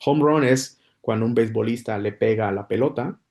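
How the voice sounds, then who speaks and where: A man's voice: mid-range voice, normal speed, a little mellow. A man giving a casual spoken English lesson, explaining patiently with many repetitions and restarts. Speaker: English teacher.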